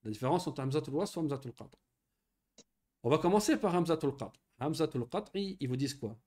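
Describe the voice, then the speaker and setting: Male teacher, slightly high, very animated pitch; patient, checks in often with young pupils. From Morocco. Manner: patient, lively explanations with frequent checking questions. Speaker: Arabic teacher. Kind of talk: online Arabic grammar lesson for children.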